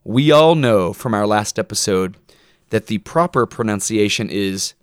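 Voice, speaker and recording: A man co-hosting a casual podcast, talking in a relaxed, easygoing way and joking at his own expense. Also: on the low side, measured pace, smooth, no room sound, clean studio sound. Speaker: podcast co-host.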